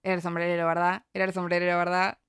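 A young woman with a Rioplatense Spanish accent, playing a film quiz in casual chat with a friend, giggly and animated. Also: lowish voice, rapid-fire, clear, resonant tone. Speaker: quiz player.

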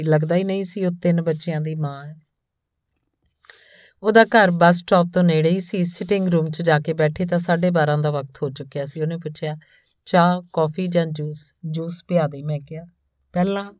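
A woman narrating a story in a calm, even storytelling manner, reading both the man telling it and the woman he meets. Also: low voice, dry recording, studio quality. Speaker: audiobook narrator.

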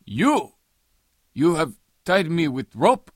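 A man's voice: a little high, big pitch swings, slow, dry recording, clean studio sound, exaggerated voice. An actor playing a stern, proud pirate who speaks stiff, formal English that is not his first language. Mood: scornful. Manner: stiff, formal, non-native English phrasing. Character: proud Somali male pirate, stern and scornful. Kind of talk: audio drama acting.

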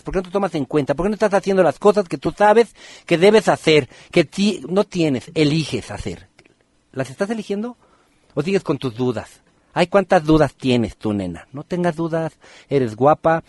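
A man's voice: fairly high pitch, no echo. Teasing radio numerologist man. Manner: lively, teasing, addresses listeners by name with rapid questions. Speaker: radio podcast host reading numerology. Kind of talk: live radio numerology readings to listeners.

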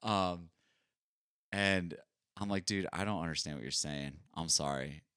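Deep-voiced man telling stories over casual chat. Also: unhurried, clear, resonant tone, dry recording, studio quality. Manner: animated storyteller, acts out quoted dialogue. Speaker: podcast co-host.

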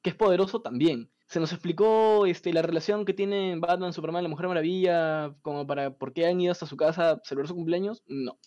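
Man, animated storytelling, swears a lot, fairly high voice, slightly dull lo-fi sound. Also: fairly quick, few pauses. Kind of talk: casual chat, retelling a comic story.

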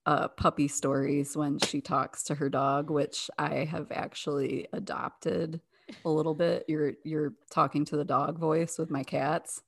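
A woman's voice: low-pitched, little pitch movement, unhurried, vocal fry, slightly rough. A woman guest in a casual podcast chat, friendly and a little hesitant. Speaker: guest, wellness and skincare seller.

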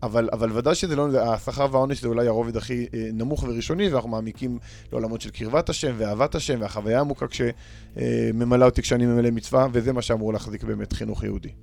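Gravelly earnest man, a panel guest. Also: medium pitch, steady tone, a little mellow. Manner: earnest, restarts words while searching. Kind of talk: reflective panel discussion.

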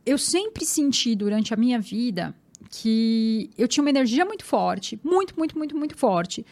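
Brazilian woman, kinda high voice, lively and emphatic, repeats herself a lot. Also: moderate pace. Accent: Brazilian Portuguese. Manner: animated, emphatic, repeats words. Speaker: interview guest, marathon runner. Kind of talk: personal storytelling in conversation.

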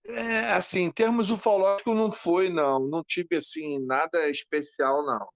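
A man co-hosting a podcast, telling an animated story in casual chat and acting out the lines of the people in it. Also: high voice, moderate pace, no echo. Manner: animated, acts out quoted lines. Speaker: podcast co-host.

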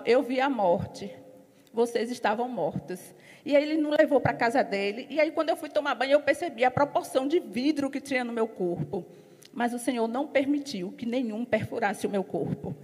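High-voiced woman testifying in a reverberant church. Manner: lively, animated storytelling with laughter. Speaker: church member giving testimony. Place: church hall. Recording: long hall reverb.

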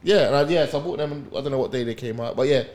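Quick-talking London man, slangy. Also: mid-range voice, darkish tone. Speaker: podcast guest, music artist. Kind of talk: casual chat in street slang.

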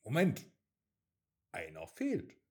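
A kindly star-keeper from a bedtime storybook, gentle and murmuring, as a man puts him on. His voice is mellow and dark, with lively swings in pitch. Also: takes it slowly. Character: kindly, worried old male star-keeper.

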